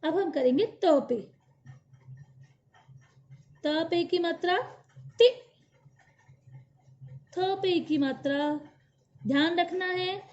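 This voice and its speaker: A woman with a high, mellow voice teaches young children their letters slowly and patiently. She sounds out each syllable clearly so the class can repeat after her. The recording is dull and lo-fi. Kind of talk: slow Hindi alphabet lesson for young children.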